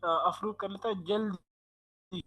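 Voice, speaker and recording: A man's voice: sits high, steady tone, slow pace, pushed and bright. A man teaching a live online class, his audio breaking up with choppy buffering stutter over the call connection. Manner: explains patiently, checks in often with rhetorical questions. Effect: choppy breaking-up internet audio with buffering stutter. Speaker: online course instructor. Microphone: video call.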